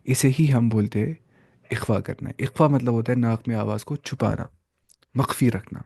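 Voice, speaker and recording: A man's voice: medium pitch, creaky, a little mellow. Man teaching Quran reading, letter by letter. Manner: spells out letters and vowel marks slowly, then blends them; asks and answers his own questions, checks understanding. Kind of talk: live online Quran reading lesson.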